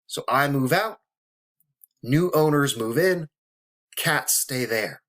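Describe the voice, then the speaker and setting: A man's voice: mid-range voice, animated, slow, fairly bright tone. A man in his thirties talking to camera, earnest and emotional, mixing blunt swearing with heartfelt talk and holding back tears. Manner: earnest, emotional, profane, motivational. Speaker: vlogger.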